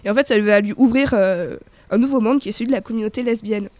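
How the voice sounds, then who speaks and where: A woman's voice: medium pitch, fast, darkish tone, no room sound. A young woman chatting casually on a radio show about TV series, with lots of fillers and restarts. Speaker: radio guest presenting TV series. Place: small radio studio. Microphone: studio microphone.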